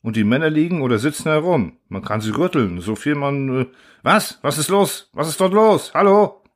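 A man's voice: medium pitch, animated, a little fast, voice pushed up, natural voice. A man voicing a shaken male expedition officer reporting over the radio, breathless and agitated.

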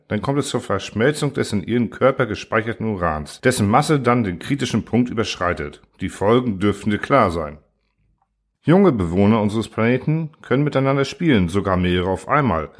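A man voicing a huge, gentle old male alien in a storybook reading, speaking slowly and sorrowfully. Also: fairly low pitch, lively intonation. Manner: sad, slow and brooding. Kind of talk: audiobook character voice.

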